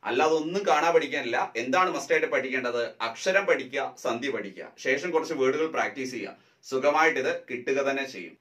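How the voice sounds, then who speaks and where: A male teacher giving an exam prep lesson, drawing out each word part slowly as he drills the rules. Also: on the high side, fairly bright tone, roomy sound, distant mic. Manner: slow, drawn-out drilling of word parts.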